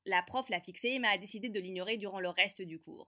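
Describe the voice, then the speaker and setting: A woman voicing a feisty teenage girl who narrates an animated story with brisk, sarcastic wit. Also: medium pitch, close to an everyday voice. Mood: sardonic.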